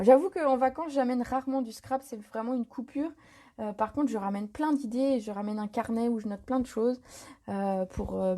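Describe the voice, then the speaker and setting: A woman hosting a live paper-craft tutorial, talking casually and improvising as she works, with plenty of fillers and self-corrections. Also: mid-range voice. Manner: chatty and relaxed, many fillers and self-corrections.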